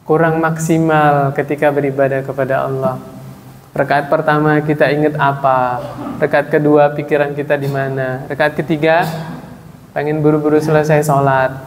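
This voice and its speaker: A man preaching at a mosque study circle, often asking his listeners questions and answering them himself, and reciting Arabic verses slowly. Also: fairly high pitch. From Indonesia. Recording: long echo in a large hall, faint ambient noise.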